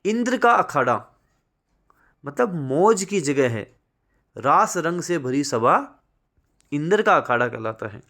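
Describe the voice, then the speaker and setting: A male teacher with a Rajasthani Hindi accent works through an exam-prep lecture at an unhurried, deliberate pace. His voice sits a little higher than most men's. He states each answer and then says it once more. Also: sing-song, bright, forceful tone. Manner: slow, repeats each answer twice.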